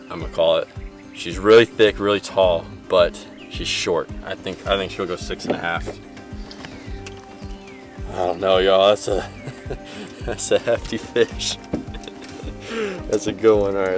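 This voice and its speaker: A young man who is excitable, says "y'all" a lot, and narrates his fishing outdoors on a boat, recorded by an action camera. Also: low voice. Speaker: fishing vlogger. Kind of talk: casual narration and on-the-water commentary. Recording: background music in the mix.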